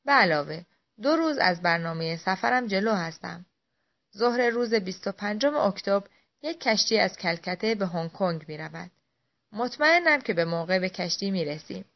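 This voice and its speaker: A composed English gentleman traveler, voiced by a woman narrator speaks in a measured, unhurried way. His lines rise and fall with a lively lilt, and the audiobook recording sounds dull and lo-fi. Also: medium pitch, creaky. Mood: calm. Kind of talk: audiobook reading.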